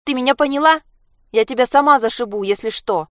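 A woman reading aloud voices a defiant schoolgirl who shouts back at her mother. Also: high voice, fairly quick, no echo, studio quality, voice pushed up, lightly acted. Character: angry defiant schoolgirl daughter.

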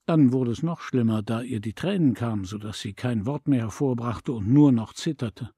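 A man reading a literary story aloud in a calm, measured, reflective way. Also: mid-range voice, husky, no room sound. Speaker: audiobook reader. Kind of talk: scripted narration. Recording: dry close studio recording.

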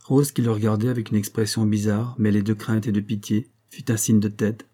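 Guy narrating an old novel, deep-ish dark mellow voice, calm even pace. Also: brisk. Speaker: audiobook narrator. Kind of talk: scripted narration.

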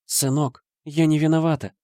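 Grieving mother, pleading and emotional, raised pitch, dry audiobook read, voiced by a man. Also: moderate pace, a little mellow, dry recording, natural voice.

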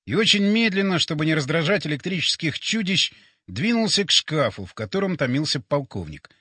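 A man narrating a first-person sci-fi audiobook with expressive, animated storytelling, recorded on a close studio mic. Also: fairly high pitch, brisk, slightly rough, dry recording.

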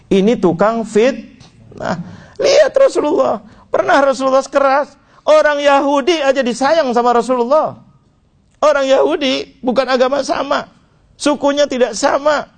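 A man delivers a sermon, posing questions to his listeners and swinging between loud, high exclamations and quiet murmurs.

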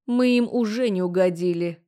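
A woman's voice: mid-range voice, moderate pace, warm tone, close to an everyday voice. A woman voicing a domineering, indignant middle-aged woman in an audiobook. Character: loud bossy overbearing middle-aged woman. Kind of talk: audiobook character voice.

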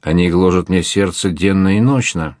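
A fierce, anguished young captain, as a man reads him aloud pours out his words in an impassioned, declamatory way. The voice sits very low and the sound is dry and close, like an audiobook. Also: normal speed, a little mellow, no echo, lightly acted. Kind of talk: audiobook character reading.

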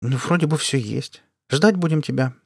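A man voicing a gentle young wife and mother who speaks softly and tries to sound reassuring. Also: medium pitch, normal speed, husky, no room sound, studio quality, pitched above the performer's own voice.

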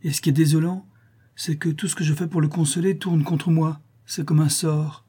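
Male reader doing a plaintive young Parisian working girl, mellow and husky. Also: flat delivery, moderate pace. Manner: tender, plaintive, lifting into a higher voice. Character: young working Parisian woman, sweet and worried. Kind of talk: audiobook character reading.

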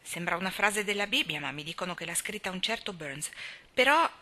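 A woman's voice: animated, brisk, sharp tone. A woman voicing a fussy, dramatic older housekeeper who laments her troubles. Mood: fretful. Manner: lamenting, raised pitch.

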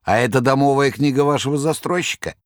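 A man's voice: mid-range voice, quick pace, no room sound, studio quality, voice pushed up, close to an everyday voice. A man voicing a jaunty, mocking male demon trickster in an audiobook. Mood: mocking glee. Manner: jaunty, sly and showy. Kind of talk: audiobook reading.

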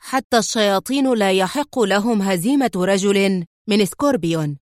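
A woman voicing a menacing male crime boss who speaks in a cold, stern, deliberate way. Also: mid-range voice, expressive, no room sound, studio quality, natural voice. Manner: stern, slow and icy.

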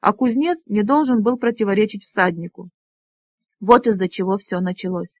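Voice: mid-range voice, no room sound, lightly acted. Reader voicing a stern old dragonrider chief. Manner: stern, deliberate. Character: elderly male dragonrider leader, weighing matters gravely.

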